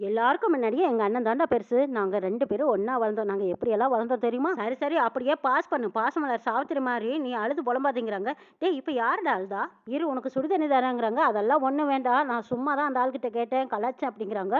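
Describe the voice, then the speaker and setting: A woman runs through a serial episode at a brisk clip, her voice set high. She quotes each character's lines in turn and tags who said them. The sound is thin and boxy, like audio heard over a phone line. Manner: recounts dialogue quickly, quoting each character with tags. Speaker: serial recap narrator. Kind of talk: casual retelling of a TV serial episode.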